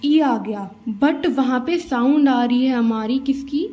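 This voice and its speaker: Slow, mellow woman teaching shorthand. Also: high voice, a little hiss or hum. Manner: patient, repeats "theek hai" and "dekho" often. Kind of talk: explaining steno vowels step by step. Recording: dull lo-fi, roomy echo.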